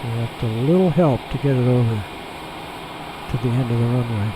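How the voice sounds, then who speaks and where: A man's voice: mid-range voice, brisk. Folksy man on a pilot's cockpit headset. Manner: relaxed, folksy, thinking aloud. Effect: pilot cockpit headset sound. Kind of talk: casual running commentary while flying. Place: aircraft cockpit in flight. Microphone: pilot's cockpit headset mic. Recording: headset mic over steady cockpit engine noise.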